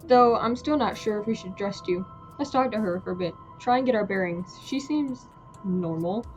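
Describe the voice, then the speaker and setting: A woman's voice: mid-range voice, moderate pace, faint music behind, low-quality recording. A woman giving informal gameplay commentary and reading dialogue choices aloud in a conversational way. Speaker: gamer playing on stream or video.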